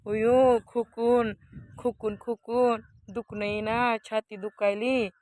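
A woman's voice: fairly high pitch, flat delivery, slow, a little mellow, no echo. A woman vlogging her family's day in a village, chatting with viewers. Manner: chatty, talking to viewers while filming. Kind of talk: casual family vlog chat.

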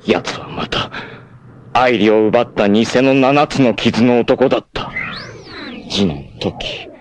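Slowly and in a medium pitch close to his everyday voice, a male actor plays a proud, self-sacrificing long-haired fighter from a 1980s anime, sounding solemn and reflective. Some hiss or hum is audible; the character is dramatic and shouts fiercely in combat.

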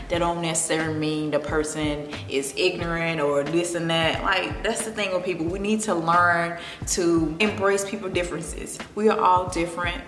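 A low-voiced beauty vlogger from Memphis, Tennessee, speaking with a Memphis Southern accent, chats through her makeup routine at home. Relaxed and confiding, she drifts between makeup steps and personal chat. The plant-filled room echoes, and music plays in the background.

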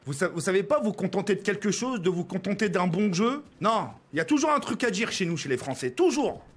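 A man's voice: high-pitched, very animated, a little fast, slightly rough. A man from France streaming a game, ranting at his viewers with exasperation, swearing and stumbling over his words. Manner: exasperated, swearing, stammering restarts.

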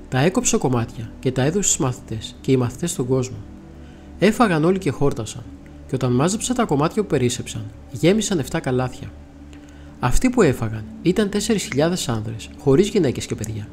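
A man reading scripture aloud in a steady, measured way. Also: mid-range voice. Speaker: Bible reader.

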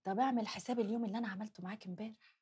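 Brief: actress as a sharp-tongued Egyptian girl, rapid and needling. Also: medium pitch, fairly even intonation, natural voice. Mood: teasing. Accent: Egyptian Arabic. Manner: teasing, quick, quarrelsome. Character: sharp-tongued young woman teasing her cousin.

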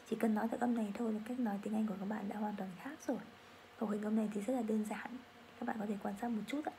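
A woman with a Vietnamese accent teaching English pronunciation, saying model phrases slowly for learners to repeat. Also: medium pitch, gravelly, mellow, slight background noise. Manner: slow, drawn-out model phrases for repetition. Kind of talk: pronunciation lesson.

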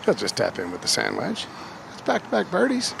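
A man's voice: fairly high pitch, huge pitch swings, fairly quick. A man giving live golf commentary in a wry, offhand manner. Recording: clear outdoor course noise behind.

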